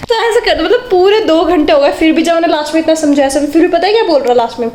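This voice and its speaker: A woman's voice: very high voice, fast talker, darkish tone. A young woman chatting casually in a home vlog, telling childhood stories and often breaking into giggles. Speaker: vlogger. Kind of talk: casual vlog chat and storytelling. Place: home, kitchen. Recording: echoey room with faint background noise.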